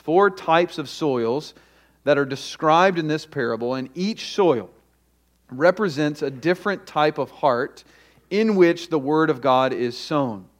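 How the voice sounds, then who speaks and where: A pastor preaching in a church sanctuary at a pulpit microphone. He speaks deliberately and slows down to stress repeated phrases. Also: mid-range voice. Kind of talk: sermon with opening prayer. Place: church sanctuary during a service.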